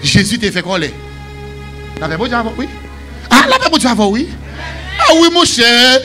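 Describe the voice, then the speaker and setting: A man with a Haitian accent preaching a sermon as pastor, shouting and singing some phrases. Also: very high-pitched, huge pitch swings, normal speed, faint music behind. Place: church.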